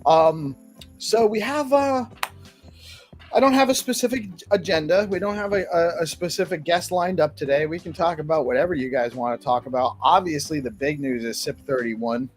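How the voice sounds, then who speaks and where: A man's voice: a little high, normal speed, soft background music. A man hosting a casual live community talk, emphatic and given to repeating his points. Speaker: talk show host.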